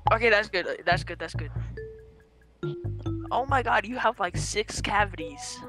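An awkward but insistent dentist, played by a woman, working on a patient at the dentist. She gives hesitant instructions in an improvised video game role-play, with clear music behind her. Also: medium pitch, expressive, unhurried, natural voice. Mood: instructing.

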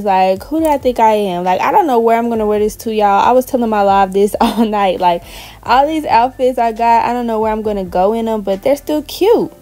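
A young woman records a casual voiceover in a confident, slangy style, speaking straight to her viewers. Her voice sits fairly high but has a mellow, warm tone. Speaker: fashion vlogger.

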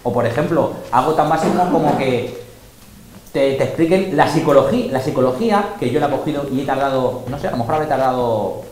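A man's voice: medium pitch, brisk, darkish tone. A middle-aged man, a DJ and teacher, talking in a casual, emphatic and boastful way to a group of students, often acting out quotes. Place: large school room with students. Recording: very echoey room, faint noise.

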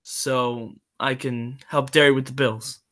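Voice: medium pitch, steady tone, takes it slowly, a bit bright. A performer playing a protective teenage greaser older brother in a school play, who speaks in a reassuring, confiding way. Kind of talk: school play read remotely.

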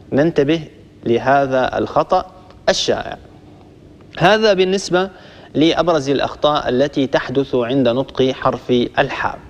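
A man teaching a Quran recitation lesson, explaining in a measured way and stopping to demonstrate letter sounds. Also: medium pitch, muffled recording. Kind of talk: tajweed lesson to listeners. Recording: long reverb, hall-like echo.

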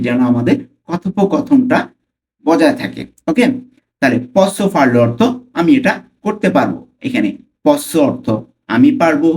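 A man with a Bangladeshi accent teaching Italian phrases, repeating each one slowly and carefully. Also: a little high, a little mellow. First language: Bengali. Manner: slow, careful repetition of phrases. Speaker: language teacher. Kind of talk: Italian lesson for Bengali speakers.

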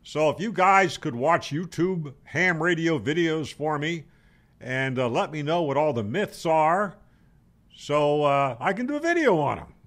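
The voice is fairly high and fairly bright, with lively intonation and an unhurried pace. It belongs to an American ham radio video host in his seventies, explaining things wryly and conversationally with strong opinions and rhetorical questions. He's indoors at home, close to a boom-arm desk microphone.

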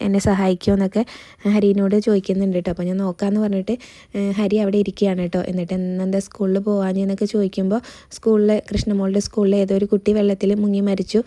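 A woman casually retelling the plot of a serial episode as a reviewer, in a chatty, steady way, reading every character's lines in her own voice. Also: mid-range voice, dry recording.

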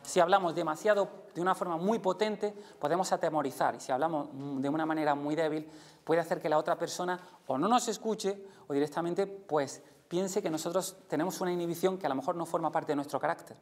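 A man with a Spain Spanish accent giving a live lecture to an audience, lively and demonstrative, jumping his voice up and down to show emotions. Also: fast talker. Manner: lively, demonstrates voices with big pitch jumps. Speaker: conference speaker. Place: lecture room.

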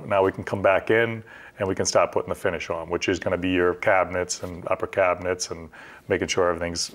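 A middle-aged man with a very low voice talks quickly and practically, walking through a job one step after another. He sounds like a studio interview guest, close to a clip-on mic. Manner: practical, step-by-step, conversational with fillers. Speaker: construction company owner, guest. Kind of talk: explanatory interview talk. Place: TV studio set.

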